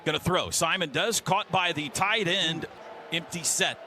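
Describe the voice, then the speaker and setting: Pushed and bright, a man's voice on the high side comes through a little slow as he calls football play-by-play. He has an American accent and speaks in clipped short phrases from the stadium booth. Faint noise runs under the live radio sportscast.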